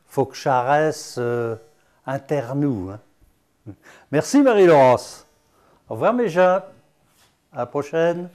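A man's voice: fairly high pitch, animated, slow, pauses often, darkish tone. An older man giving a chatty, teasing dialect lesson full of asides. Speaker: patois teacher.

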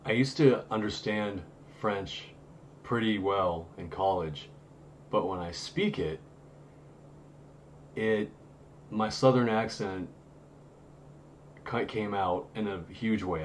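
Casual streamer, man in his 30s, deep voice, slow and rambling, home-studio mic with faint background noise. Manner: rambling, many fillers and restarts. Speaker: host of a paranormal live stream. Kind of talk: casual live-stream chat.

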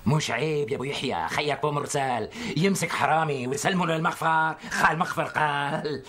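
A man's voice: a little high, brisk, lightly acted. A man with a Syrian Arabic accent, playing a boastful village liar who tells tall tales and pleads with his friends. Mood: storytelling. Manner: animated, pleading, lively storytelling. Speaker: storyteller among village men. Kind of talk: TV comedy sketch acting.

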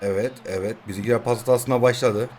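A man in his twenties commentating his own mobile football match, swinging between shouting at his players and quiet muttering. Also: medium pitch, fairly even intonation, quick pace, a little hiss or hum. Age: 20s. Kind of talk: live gameplay commentary.

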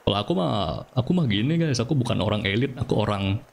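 A man's voice: fairly low pitch, expressive, fast talker, creaky, slight background noise. A man from Bali with a Balinese accent, chatting casually on a live stream, answering viewers while he plays and laughing often. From Bali, Indonesia.

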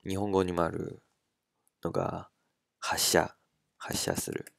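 A man with a very low, gravelly voice gives a language lesson in an easy spoken manner. He goes slowly, stretching out each syllable as he drills the sounds. The recording is dry and close. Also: very animated, no echo. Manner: slow, careful, drawn-out pronunciation drills. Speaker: language teacher.

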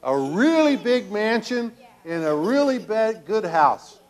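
Older male pastor, children's sermon, slow and halting delivery, fairly high voice, church sanctuary. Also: sing-song. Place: church sanctuary, children seated around him.

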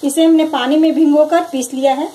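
High-voiced woman narrating a home recipe. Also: a little fast, rough recording. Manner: calm, instructive, repeats each step. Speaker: cooking channel host. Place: home kitchen, over frying sounds.

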